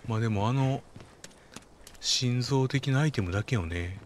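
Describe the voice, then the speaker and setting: A man with a Kansai accent giving casual running commentary while playing a game, often telling a character to be quiet. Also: medium pitch, normal speed, a little hiss or hum. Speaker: game streamer. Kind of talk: casual let's-play commentary.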